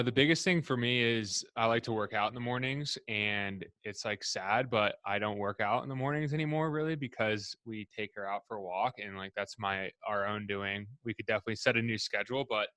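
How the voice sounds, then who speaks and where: A man's voice: lowish voice, pushed and bright, no echo. A man as a guest on a podcast in casual chat, laid-back with short, easygoing answers.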